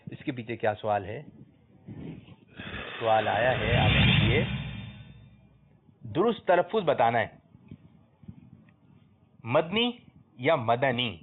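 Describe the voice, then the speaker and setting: Male quiz host, mid-pitched, coaxes answers and praises loudly; tinny lo-fi audio. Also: animated, pauses often, slight background noise. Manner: coaxing, prompts answers, bursts out praising correct ones. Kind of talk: religious children's quiz show hosting. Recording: tinny lo-fi phone-like sound.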